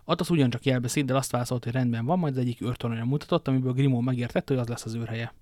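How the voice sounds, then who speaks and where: A man narrating an audiobook in an even, subdued reading voice. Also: mid-range voice, no echo, studio quality. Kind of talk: scripted narration.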